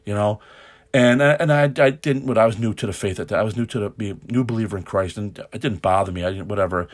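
Male preacher, lower register, loose off-the-cuff podcast sermon, self-correcting and chuckling. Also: quick pace.

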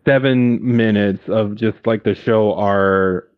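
A man co-hosting a casual podcast, recapping wrestling matches with excitement and plenty of swearing. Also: fairly low pitch, takes it slowly, clean tone, dry recording, narrow, tinny audio. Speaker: podcast co-host. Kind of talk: casual chat.

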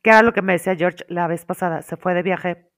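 A woman's voice: fairly low pitch, quick pace, no echo, studio quality. A woman with a Mexican accent in casual conversation, telling a story and acting out the lines of the people in it. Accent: Mexican Spanish. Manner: animated storyteller acting out quotes. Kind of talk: casual chat.

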